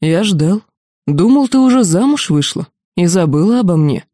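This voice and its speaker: A woman voicing a huge male demon, unhurried and amused, in a deep bass voice in an audiobook. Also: lively intonation, mellow, no room sound, studio quality. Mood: calm, amused.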